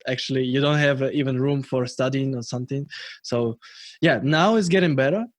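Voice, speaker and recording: Russian man chatting, halting and dry. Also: medium pitch, no echo. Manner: halting, many restarts and fillers. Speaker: podcast host. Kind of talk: casual chat.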